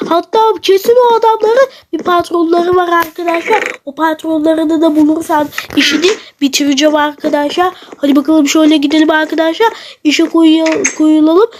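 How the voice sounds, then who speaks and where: Very high voice, gaming youtuber, excitable role-play narration, talks to viewers, sudden shouts and wails. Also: slight background noise.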